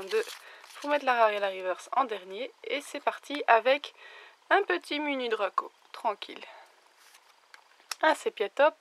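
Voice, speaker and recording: Slow-talking young woman, a bit hoarse. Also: on the high side, a bit bright, a little hiss or hum. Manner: chatty, easily delighted, exclaims over cards. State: slightly hoarse after illness. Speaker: YouTuber opening trading cards. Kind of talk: casual card-opening commentary.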